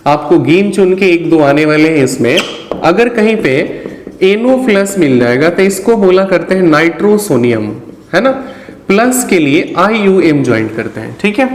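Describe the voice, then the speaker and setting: A man giving a patient, explanatory chemistry lecture for an online class, often pausing to check that students are following. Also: sits high. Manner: patient, explanatory, ends phrases with a checking "ठीक है". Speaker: chemistry teacher. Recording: roomy with a long reverb tail.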